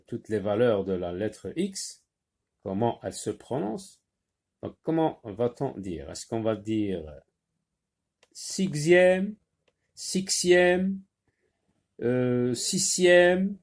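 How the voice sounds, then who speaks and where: A man teaching reading to young pupils, at an extremely slow and deliberate pace. He says each sound several times and leans on it clearly. His voice sits at a middle pitch. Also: mellow. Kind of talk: French phonics lesson.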